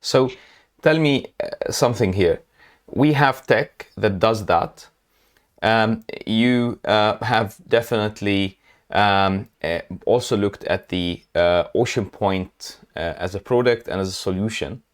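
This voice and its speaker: A man from Lebanon hosts a relaxed interview in a fairly low voice. He talks haltingly, with many fillers, and laughs now and then. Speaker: host. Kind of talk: casual interview chat.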